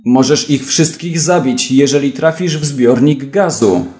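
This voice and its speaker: A man's voice: mid-range voice, a little slow, a little mellow, soft background music, natural voice. A man reading a defiant detective.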